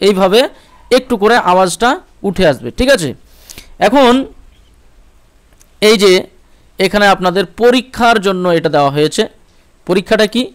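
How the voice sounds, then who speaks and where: A man's voice: high voice, smooth. A man with a Bengali accent teaching Quran reading step by step, patiently repeating syllables and checking in with "okay". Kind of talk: step-by-step recitation lesson.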